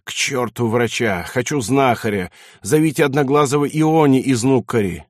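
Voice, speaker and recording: A man voicing an irascible old male Finnish baron who shouts, scoffs and chokes with rage. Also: medium pitch, lively intonation, normal speed, dry recording, studio quality, lightly acted. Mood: choked rage. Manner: shouting, scornful, choking with rage.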